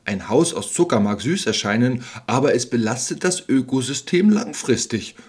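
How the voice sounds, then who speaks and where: Calm, wise storybook eco-sage, teacherly and husky, read by a man. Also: fairly low pitch, moderate pace, full character voice. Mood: lecturing. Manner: soothing, lecturing. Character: calm wise male forest environmental expert.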